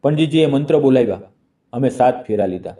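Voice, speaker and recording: A male storyteller narrates an emotional family tale in short, measured phrases. His tone is deep, dark and mellow. He sounds a little set back from the microphone. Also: expressive, distant mic.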